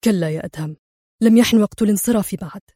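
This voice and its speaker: A woman voicing a calm, mocking male secret agent with dry sarcasm. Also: mid-range voice, racing, breathy edge, no room sound, natural voice.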